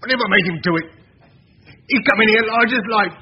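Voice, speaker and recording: An actor playing a panicked innkeeper in a vintage radio drama, talking in a frantic, breathless way. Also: male voice, high-pitched, brisk, slightly rough. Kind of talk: 1940s radio acting. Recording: lo-fi old radio recording.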